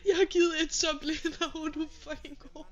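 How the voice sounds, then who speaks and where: A woman's voice: sits high, little pitch movement. A young woman livestreaming, overwhelmed and swearing constantly as she laughs through tears, on slightly muffled lo-fi stream audio. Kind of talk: live stream chat.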